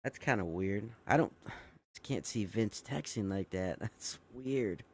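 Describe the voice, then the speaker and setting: A man's voice: on the low side, a little slow, a little mellow. A young man hosting a live show, reading a news story aloud and reacting to it casually. He swears often, sounds amazed, and corrects himself a lot. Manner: swearing, easily amazed, with frequent fillers and self-corrections. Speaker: show host.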